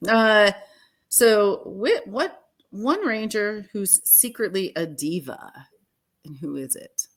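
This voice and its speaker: A woman co-hosting a sports fan show, chatting casually and animatedly through rapid-fire questions, sometimes trailing off mid-thought. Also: mid-range voice, expressive.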